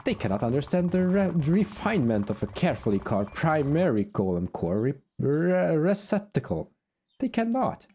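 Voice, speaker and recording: A man's voice: fairly high pitch, sing-song, moderate pace, dark tone, pitched above the performer's own voice. A man voicing a proud, boastful female asura quarry leader in a fantasy game, talking down with scorn. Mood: haughty. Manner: haughty, scornful.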